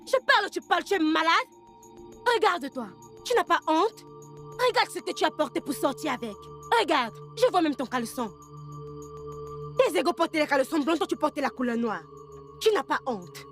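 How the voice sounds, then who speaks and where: A woman's voice: sits high, sing-song, moderate pace, soft background music, full character voice. A woman dubbing a brash, cheeky young daughter in a French-dubbed film. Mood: insulting. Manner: loud, exclamatory, cheeky.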